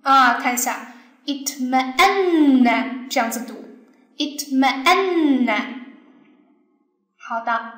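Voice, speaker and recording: Female teacher, high voice, patient step-by-step lesson delivery with questions to the class; echoey room. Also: level tone, normal speed, bright, forceful tone. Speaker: Arabic teacher. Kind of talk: recorded language lesson.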